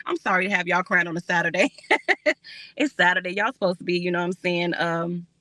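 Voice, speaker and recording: A woman's voice: on the low side, fast talker, bright, forceful tone, no echo. A woman hosting a casual livestream, talking candidly and reading viewer comments aloud.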